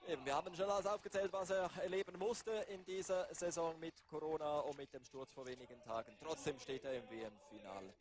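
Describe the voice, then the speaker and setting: A man doing live race commentary, building to excited calls near the finish. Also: a little high, a little fast, hardly any pauses. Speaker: sports commentator.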